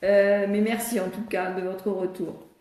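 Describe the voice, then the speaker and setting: A woman's voice: mid-range voice, flat delivery, unhurried, darkish tone. An older woman, a speech therapist, answering viewers' questions in a live video with a patient, step-by-step teaching manner. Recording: echoey room.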